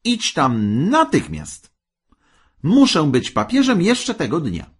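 A greedy storybook wife who barks orders in a high, shrill, loud voice that swings widely in pitch, as a man reading the tale puts her on. Her husky, breathy tone never lets up in its insistence. She is commanding and imperious from the first word. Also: huge pitch swings, slow pace, heavily acted. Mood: demanding. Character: domineering greedy wife demanding ever more.

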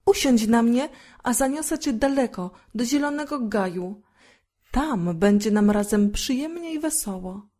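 A gentle, grateful swallow, put on by a woman reading a fairy tale. The voice is warm and kindly, lifted a little, with a mellow, dark tone. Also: fairly high pitch, lively intonation, a little slow. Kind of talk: storybook reading.

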